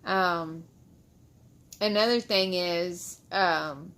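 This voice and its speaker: Speaking very slowly in a lowish, slightly bright voice, this woman vlogger shares a casual storytime with followers. She comes across frustrated and keeps repeating herself, mic close, her words shaped by loose dentures lacking adhesive.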